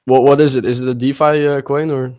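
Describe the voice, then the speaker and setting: Man, medium pitch, hesitant, informal group voice chat. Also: little pitch movement, a little fast, darkish tone.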